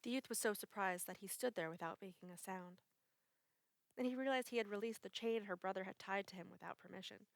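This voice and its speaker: A woman narrating a short story as a dramatic reading, measured and expressive. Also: medium pitch, vocal fry, no echo.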